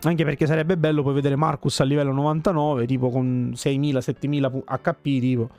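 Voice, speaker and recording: A man hosting a casual gameplay video, chatting and thinking out loud as he plays. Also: mid-range voice, flat delivery, a little fast, soft background music. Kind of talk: casual let's-play commentary.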